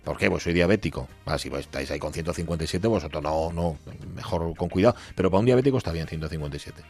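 With music playing underneath in the radio studio, an Asturian host from Spain jokes and chats through listener messages in his Asturian Spanish accent. He speaks very fast in a low, slightly mellow voice.

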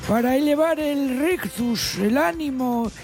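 A high, theatrical voice with a Spanish accent from Spain , put on by a performer as a zany quiz professor. Announcements are mock-grand and silly, as on a comic radio game show, with music clearly behind. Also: measured pace, darkish tone. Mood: playful, mock-grand. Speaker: quiz segment presenter.

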